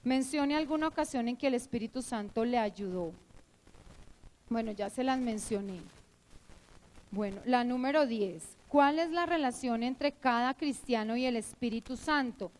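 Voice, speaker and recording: A middle-aged woman preaching at church, telling her own testimony in an emotional, animated way with many fillers. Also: fairly high pitch, normal speed, poor audio. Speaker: church teacher. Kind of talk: sermon with personal testimony.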